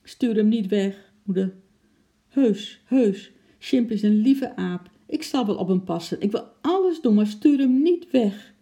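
A little girl's voice, small and trembling, lifted high above the reader's own, as a narrator plays her. She pleads and frets, her words quivering. It sounds like a bedtime storybook. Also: a little slow, dark tone, natural voice. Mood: pleading. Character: frightened little girl pleading for her pet. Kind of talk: storybook reading.

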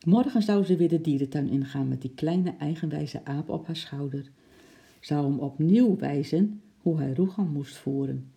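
Dark, gravelly storybook narrator. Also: medium pitch. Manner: calm, unhurried storytelling. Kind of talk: children's story reading.

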